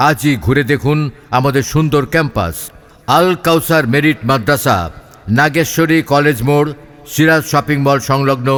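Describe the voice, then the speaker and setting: A man's voice: on the high side, a bit bright. A man with a Bangladeshi accent reads a scripted promotional announcement in a formal, declamatory way. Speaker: announcer for a school admission advertisement. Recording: long hall-like reverb on voice.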